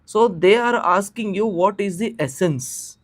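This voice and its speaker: A man's voice: high voice, a little slow. A man with an Indian accent teaching an informal live online class, repeating phrases and checking in with questions. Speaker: teacher of exam preparation class.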